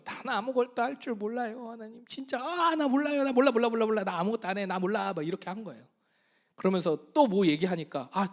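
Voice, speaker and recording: A male pastor preaching a sermon in an animated, storytelling way, often turning to the congregation with questions. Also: high-pitched.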